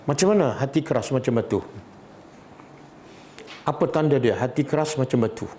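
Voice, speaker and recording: A man's voice: mid-range voice, moderate pace, warm tone, a little hiss or hum. A man with a Malaysian Malay accent teaching a Quran study class, often asking the audience questions and repeating key words. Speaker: religious teacher.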